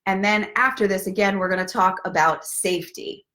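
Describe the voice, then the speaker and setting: A woman with a mid-range voice talks at normal speed with fairly even intonation, her tone pushed and bright. She hosts a casual live story time as a self-love coach, playfully encouraging viewers directly through chat, guided breathing, and reading a book.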